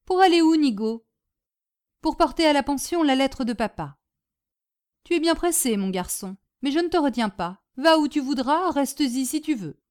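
A woman voicing an excitable, bossy older landlady who scolds loudly and theatrically. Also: high-pitched, normal speed, voice pushed up. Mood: brusque.

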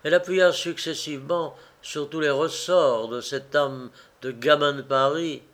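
A man reading a classic novel aloud in a slow, measured, expressive narration. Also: fairly high pitch. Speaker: audiobook reader.

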